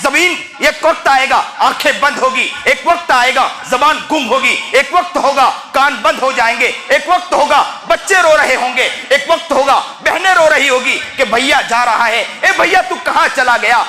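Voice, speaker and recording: Impassioned preacher in an echoing mosque. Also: male voice, extremely high pitch, few pauses. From India. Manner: impassioned, rising to shouts, voices mother and child in quotes. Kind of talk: sermon.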